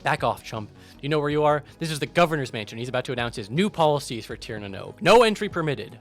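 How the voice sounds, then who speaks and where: A man's voice: mid-range voice, expressive, fast, fairly bright tone, faint music behind. A man voicing a curt, dismissive guard who blocks entry. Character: brusque male mansion guard.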